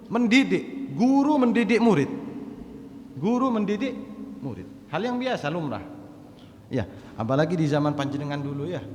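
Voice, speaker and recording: A man delivers a sermon, his voice sitting a little high. He jumps from loud, stressed phrases down to quiet murmurs. The sound carries a roomy echo with a long hall tail. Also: slight background noise. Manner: animated, swings from loud emphatic calls to low murmurs. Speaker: preacher. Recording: echoey hall with long reverb.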